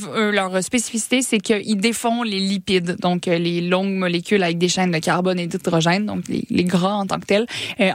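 A woman's voice: mid-range voice, no echo. Québécois woman host, chatty explainer, many "euh"s, dry close mic. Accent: Québécois French. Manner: explanatory, frequent "euh" hesitations. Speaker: science podcast host. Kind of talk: casual science explainer chat.

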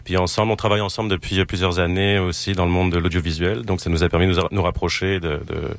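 A man's voice: deep voice, fairly even intonation, fast. A man, a musician, chatting casually as an interview guest, repeating words and phrases as he explains.

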